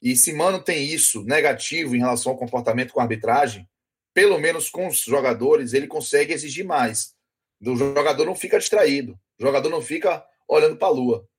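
A man's voice: medium pitch, quick pace, slightly rough. A man giving an opinionated football analysis on a talk show, often hedging with fillers. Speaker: sports commentator.

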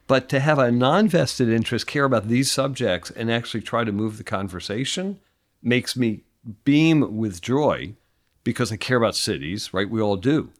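A mid-pitched man hosts a relaxed podcast interview. He keeps affirming his guest and chimes in eagerly, with friendly, loosely phrased remarks. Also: normal speed. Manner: affirming, eager, often backchannels. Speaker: podcast host.

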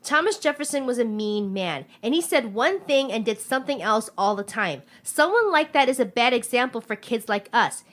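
A woman's voice: a little high, animated, normal speed, hardly any pauses, fairly bright tone. A woman playing a blunt, indignant fourteen-year-old schoolgirl delivering a speech in an emphatic, outspoken way. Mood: indignant, declaiming. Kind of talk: scripted comedy sketch, speech delivery.

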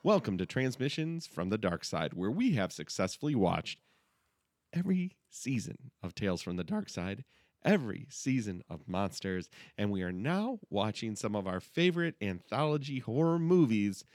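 A man's voice: on the low side, sing-song, normal speed, a little mellow, no echo, studio quality. A man hosting a casual comedy podcast, talking in a playful, exclamatory way. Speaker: podcast host.

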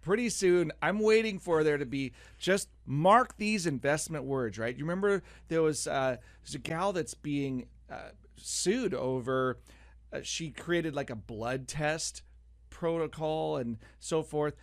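A man's voice: on the high side, measured pace, no echo. A middle-aged man hosting a radio show from the studio, chatting casually and rambling with jokes and lots of fillers. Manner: rambling, joking, many fillers. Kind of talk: casual on-air chat.

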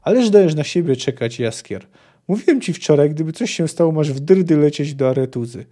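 A man's voice: a little high, lively intonation, a little fast, dark tone. A man reading aloud as a grim, terse male monster hunter, with curt, dry delivery.

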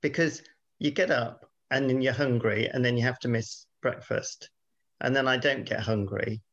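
An exasperated British man in casual, bickering podcast talk. His voice has a gravelly creak, and he is quick to swear and cut in. The sound is slightly dull. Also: mid-range voice, a bit bright. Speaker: podcast host.

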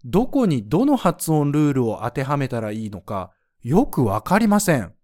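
A man's voice: mid-range voice, sing-song, moderate pace, dark tone. A man teaching French pronunciation in a scripted lesson, explaining the rules patiently and spelling out sounds one by one.

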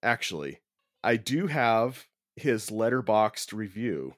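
A man's voice: fairly low pitch, sing-song, takes it slowly, dry recording, studio quality. A man co-hosting a podcast in casual chat, hesitant and repeating his words. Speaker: podcast co-host.

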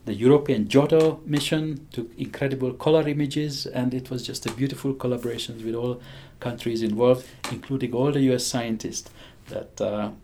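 Over slight background noise, a Hungarian-accented physicist in his sixties gives a lively conversational interview, laughing often and backing up to restart sentences. His mid-range voice is dark and steady, running at normal speed with few pauses.

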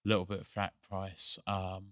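A man with an English accent, a guest on a podcast, talking in a measured, articulate way with frequent pauses to think. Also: deep voice, monotone, pushed and bright, no echo, clean studio sound. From England. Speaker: guest, energy company CEO. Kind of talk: casual podcast chat.

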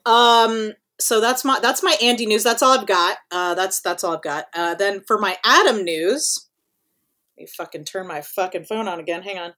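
A woman's voice: medium pitch, normal speed, bright, forceful tone. A woman co-hosting a podcast in casual chat, rambling with lots of fillers and casual swearing. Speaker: podcast co-host.

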